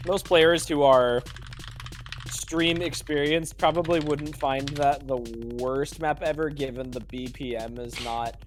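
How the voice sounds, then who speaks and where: A man's voice: a little high, steady tone, unhurried, faint music behind. A young man with a Massachusetts accent giving casual, laughing esports commentary, full of fillers. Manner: chatty, laughs easily, hedges with fillers. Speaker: tournament commentator.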